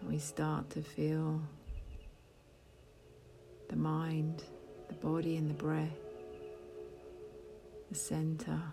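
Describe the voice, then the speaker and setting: Calm woman doing a guided meditation, low flat voice, super slow, music behind. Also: vocal fry. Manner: slow, soft, half-whispered with long pauses. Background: soft music.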